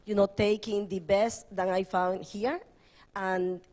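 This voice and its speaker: A woman from the Dominican Republic speaking as an artist on a panel, halting and searching for words, with Spanish phrases mixed in. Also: mid-range voice, steady tone, darkish tone. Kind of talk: panel talk.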